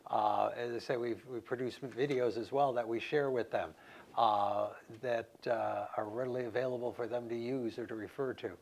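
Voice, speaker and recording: A man's voice: mid-range voice, steady tone, vocal fry, a little mellow. Guy official on a panel, stumbles and repeats himself, easygoing. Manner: halting, repeats words. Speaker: election commissioner. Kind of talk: panel discussion answer. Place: conference hall.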